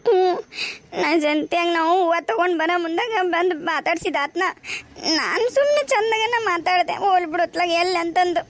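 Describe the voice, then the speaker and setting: A woman's voice: extremely high pitch, normal speed. A woman voicing a weepy young village daughter in a cartoon, with a North Karnataka Kannada accent. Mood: tearful. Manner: weepy, plaintive. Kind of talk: cartoon voice acting.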